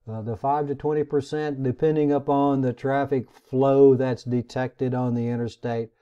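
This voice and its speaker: A man teaching a recorded networking lecture, talking in a halting way with many restarts and fillers. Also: medium pitch, fairly even intonation, warm tone, clear, resonant tone, lo-fi sound. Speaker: instructor.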